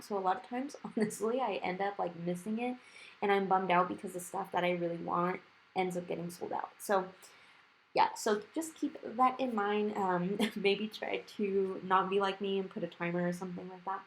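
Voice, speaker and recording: Over background music, a woman who makes nail art videos narrates a tutorial in a rambling, informal, chatty way. Her voice is medium-pitched, with a lisp slurring her s sounds because of new dental work. The recording is rough, with slight background noise.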